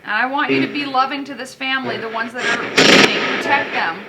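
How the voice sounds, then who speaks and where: A high-pitched woman works as a paranormal investigator, speaking directly to spirits. She coaxes them with conversational questions. The location recording is very noisy. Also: fast talker, gravelly. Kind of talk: addressing spirits aloud during an investigation.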